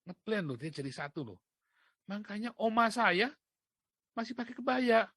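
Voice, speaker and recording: A man's voice: high voice, lively intonation, normal speed, a bit bright, dry recording. A man from Indonesia hosting a casual commentary monologue, talking in an emphatic, mocking way and laughing often. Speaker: commentator host.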